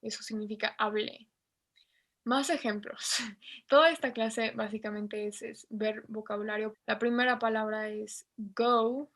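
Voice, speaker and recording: A woman's voice: fairly high pitch, steady tone, a little slow, a bit bright. A woman with a Mexican Spanish accent, teaching a basic English lesson and patiently spelling out pronunciation. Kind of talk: online class lesson.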